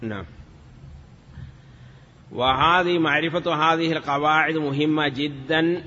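Male teacher, patient classroom lecturer, bright tense voice, roomy lo-fi lecture recording. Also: fairly high pitch, slight background noise. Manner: patient, explanatory, checks understanding with short questions; sounds words out slowly, syllable by syllable. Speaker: teacher of Arabic morphology.

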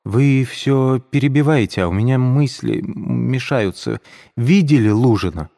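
A man's voice: medium pitch, measured pace, gravelly, mellow, in a large hall, pitched above the performer's own voice. A man reading a feverish young man's lines, curt, weary and irritable.

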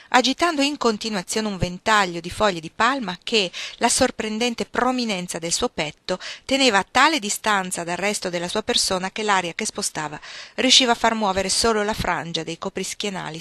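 Bright-voiced woman reading a novel. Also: mid-range voice, dry recording. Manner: measured, expressive reading aloud. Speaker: reader. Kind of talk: audiobook narration of a novel.

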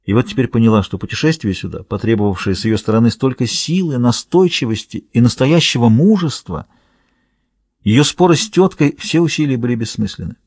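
A man's voice: medium pitch, expressive, fairly quick, a little mellow, slightly rough, no room sound. Man reading a thriller audiobook. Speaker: audiobook narrator. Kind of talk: scripted narration.

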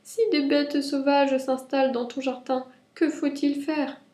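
A woman doing a timid little rabbit with a small high voice. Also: flat delivery, a little slow, dark tone. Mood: worried. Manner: small quavering high voice, stammering. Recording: roomy echo.

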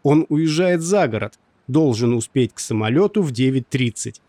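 A man's voice: mid-range voice, lively intonation, moderate pace, dark tone, no room sound, natural voice. A man voicing a tense, determined male doctor speaking in urgent, clipped lines.

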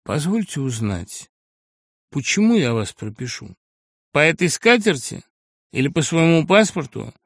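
A man's voice: fairly high pitch, sing-song, measured pace, a bit bright, slightly rough, no echo, clean studio sound, heavily acted. A male audiobook reader voicing an irritable, eminent older professor who speaks formally and grows hesitant. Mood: uneasy, formal. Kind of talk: audiobook character reading.

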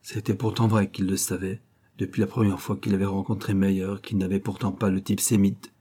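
Low-voiced man narrating an audiobook. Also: flat delivery, fairly quick, mellow, slightly rough. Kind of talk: scripted narration.

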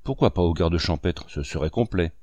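A man's voice: low-pitched, expressive, normal speed, warm tone, dry recording, dull audio, voice pushed down. A man doing Petit, a bitter proud schoolmaster. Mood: indignant. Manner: heated and bitter. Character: Petit, a poor, proud, angry village schoolmaster.

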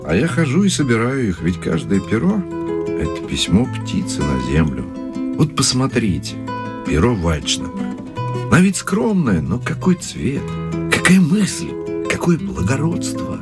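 An actor playing a melancholy, touchy lodger who collects feathers, brooding and easily wounded, in an audio drama. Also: male voice, fairly low pitch, big pitch swings, a little slow, over loud music. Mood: weary, aloof. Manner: wounded, gloomy, swings between brooding and indignation.

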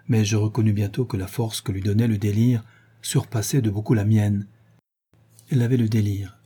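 Man reading a novel, mellow dark voice, kinda husky, steady measured pace. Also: fairly low pitch. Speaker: audiobook reader. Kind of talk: scripted novel narration.

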